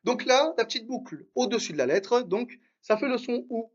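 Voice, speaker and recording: A man teaching Arabic reading in a live online lesson, encouraging his students and drilling syllables slowly with much repetition. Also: extremely high pitch, expressive, dull audio.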